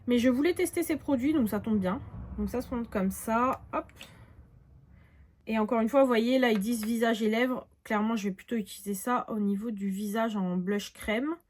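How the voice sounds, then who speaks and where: A young woman in her late twenties talks through a beauty haul in a chatty, unscripted way, pausing often with little fillers. Her voice sits slightly above the usual for a woman. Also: on the high side, a little mellow. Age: 20s. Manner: chatty, frequent "euh" fillers and "du coup". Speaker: beauty vlogger. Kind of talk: casual haul vlog, showing products.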